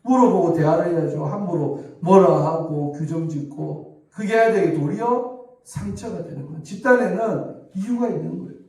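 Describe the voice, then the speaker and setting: A middle-aged pastor with a Gyeongsang accent, preaching a sermon in a conversational storytelling way and acting out quoted dialogue. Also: male voice, sits high, moderate pace, darkish tone, far from the mic. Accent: Gyeongsang Korean. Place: church sanctuary. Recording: echoey church hall from afar.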